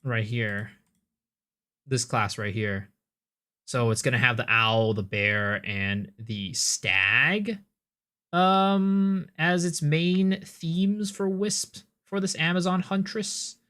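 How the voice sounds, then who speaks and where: A game streamer, a man, chats through a live reaction with a bright, forceful tone. He gets animated and trips over his words, repeating them as he reacts. His speech stays casual and conversational. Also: medium pitch, takes it slowly. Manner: animated, stammers and repeats words when excited.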